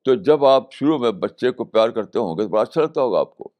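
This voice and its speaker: An older man giving a spiritual lecture in a measured way, repeating phrases for emphasis and mixing in English terms. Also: medium pitch, lively intonation, a little mellow. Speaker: Islamic scholar giving a talk.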